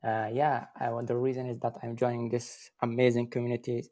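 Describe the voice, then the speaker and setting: Young man from Afghanistan, hesitant phrasing, flat even delivery. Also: mid-range voice, a little fast. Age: young adult. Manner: hesitant, with simple non-native phrasing. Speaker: community member. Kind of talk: casual chat on an audio room.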